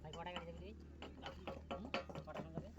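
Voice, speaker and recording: Rapid-fire bossy worker over loud noise. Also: male voice, a little high, little pitch movement. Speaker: rail welding worker. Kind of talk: casual banter on a worksite. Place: outdoor railway worksite.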